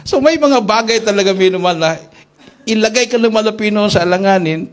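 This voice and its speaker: A man preaching at a church worship service, telling stories in an animated way and acting out the dialogue. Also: sits high, fairly quick. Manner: animated storyteller who acts out dialogue. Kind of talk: storytelling sermon.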